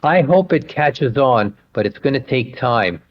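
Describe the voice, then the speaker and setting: A man's voice: mid-range voice, lively intonation, measured pace, muffled recording. An older man, a retired doctor, answering interview questions in a patient, explanatory way and thinking aloud as he goes. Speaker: guest, retired pediatric pulmonologist.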